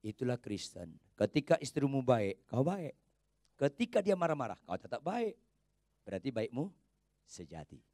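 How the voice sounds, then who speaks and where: A man preaching a sermon from a church pulpit, swinging between loud, high exhortation and quiet asides while quizzing his congregation. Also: sing-song, dry recording, clean studio sound. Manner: asks the congregation quick check questions. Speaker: pastor.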